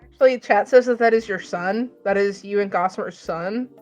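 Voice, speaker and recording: A woman's voice: medium pitch, moderate pace, soft background music. A woman playing a tabletop game, joking, swearing casually and laughing often. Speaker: player. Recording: dull lo-fi sound.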